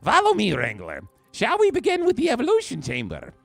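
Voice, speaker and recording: A man's voice: very high-pitched, wildly swooping pitch, a little fast, gravelly, a bit bright, dry recording, pitched above the performer's own voice, heavily acted. A man voicing a pompous, condescending male geneticist in a nerdy, haughty voice while streaming a game. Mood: smug. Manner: nasal nerd voice, haughty and sneering. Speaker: streamer reading a game character's lines.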